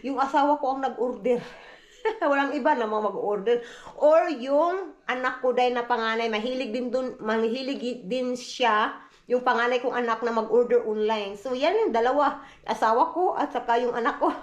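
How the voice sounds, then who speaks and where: A woman's voice: on the high side, moderate pace, reverberant, highs cut off. A middle-aged Filipino woman with a Visayan accent, chatting casually to her viewers in a home vlog and mixing English into her talk. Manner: chatty, keeps calling viewers "day", mixes English into Tagalog. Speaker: vlogger, stay-at-home mom. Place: family home indoors.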